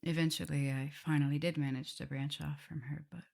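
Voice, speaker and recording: A woman plays a tender, nervous, guilt-ridden vampire mistress in love for an ASMR roleplay, her voice very low for a woman with heavy vocal fry and fairly even intonation. Regretful and intimate, she speaks haltingly, hesitating and slipping into whispers and soft laughs.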